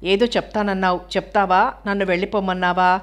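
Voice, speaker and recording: A woman's voice: mid-range voice, level tone, fast, natural voice. A woman voicing a playful, teasing teenage boy in an audiobook reading of a novel.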